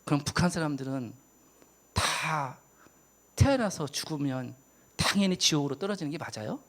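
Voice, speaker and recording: A man in his fifties preaching an impassioned sermon as a missionary, swinging from emphatic loud peaks to hushed whispers. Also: on the high side, lively intonation, normal speed.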